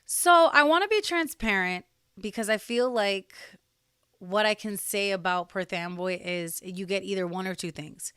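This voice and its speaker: A woman's voice: mid-range voice, normal speed, fairly bright tone, clean tone, no echo, studio quality. A young woman from New Jersey, chatting as a podcast guest with lots of fillers and restarts. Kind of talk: casual interview conversation.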